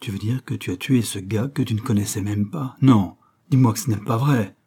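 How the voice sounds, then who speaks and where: A man's voice: on the low side, moderate pace, dark tone, breathy edge. A man reading an audiobook and voicing a blunt, indignant old friend who scolds hotly. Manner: scolding, heated and accusing.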